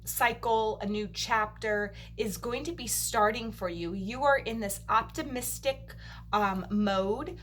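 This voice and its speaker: A woman giving a monthly tarot reading to camera, her voice a little creaky and tired after a long day, reassuring listeners as she goes. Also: fairly high pitch, slight background noise. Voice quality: slightly creaky. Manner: reassuring, checks in with "okay?". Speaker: tarot reader.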